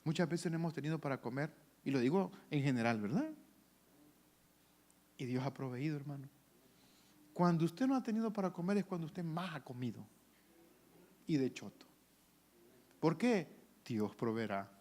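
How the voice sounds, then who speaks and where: A man preaching a sermon as pastor, with animated delivery that swings between loud calls and hushed asides, acting out voices from the story. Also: a little high, moderate pace, pauses often. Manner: acts out voices of people in the story.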